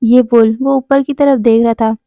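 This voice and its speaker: A woman's voice: on the high side, fairly even intonation, normal speed, no echo. A woman narrating a fan fiction story, voicing every character's lines in her own voice. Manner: reads all dialogue in her own voice. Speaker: fanfiction narrator. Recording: dry tinny phone-like audio.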